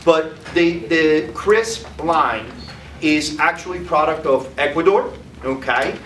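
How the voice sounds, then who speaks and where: Taking it slowly, the salesman speaks in a slightly high, somewhat bright voice with lively intonation, ending points with "okay?" during a live demo in a food trade room. The room echoes, the mic sits far away, and the sound is noisy.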